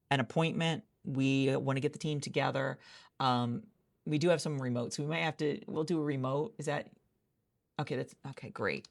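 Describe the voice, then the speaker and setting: A woman in a friend's office speaks softly in an ASMR roleplay as a hiring manager, rambling chattily with frequent restarts. Her voice is low and creaky.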